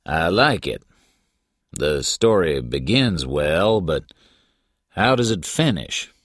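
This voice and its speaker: Weary old small-town lawman, read by a male narrator: very deep and unhurried, with a dry, kindly edge. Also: very animated, dry recording, heavily acted.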